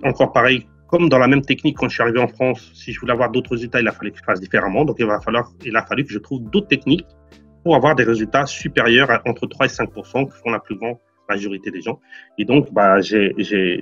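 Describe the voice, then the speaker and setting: Again a guest in an interview, the Portuguese real estate investor, a man in his forties, replies earnestly yet keeps tripping over and repeating his words. His voice is husky, mid-pitched and fairly bright, captured in a somewhat dull, lo-fi recording over faint music.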